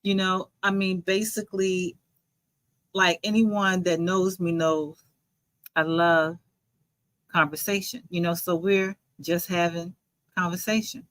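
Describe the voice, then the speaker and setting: A woman's voice: lowish voice, level tone, slow pace, pauses often, fairly bright tone, no echo, poor audio. Chatty woman hosting a livestream. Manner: chatty, rambling, reads viewer comments aloud. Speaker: livestream host and joy coach. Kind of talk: casual livestream chat.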